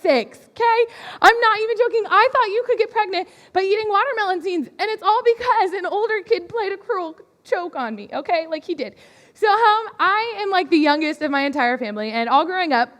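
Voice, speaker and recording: A young woman giving a youth ministry talk, telling a personal story in a chatty, animated way. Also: high voice. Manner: chatty, animated, laughs often. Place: church hall. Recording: reverberant hall.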